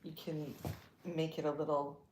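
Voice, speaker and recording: Cooking on a casual livestream in her home kitchen, this woman, a lifestyle channel host, sounds unsure and talks her thoughts through as she goes. She speaks in a low, fairly flat voice at a measured pace. The recording is very noisy, with echo and loud clattering of dishes and cutlery.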